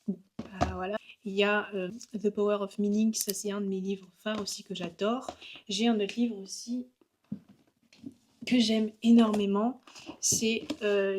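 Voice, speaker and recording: A woman's voice: medium pitch, a little mellow, a little hiss or hum. A young woman talking casually to camera in a vlog, chatty and upbeat, with many fillers and small self-mocking asides. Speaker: vlogger and graphic designer.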